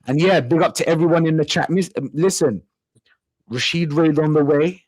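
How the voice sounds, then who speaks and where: A man's voice: a little high, moderate pace, a little mellow, no echo. London roadman host, close dry sound. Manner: urban roadman slang, repeats phrases for emphasis. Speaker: host of a football fan live stream. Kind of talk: casual live-stream banter.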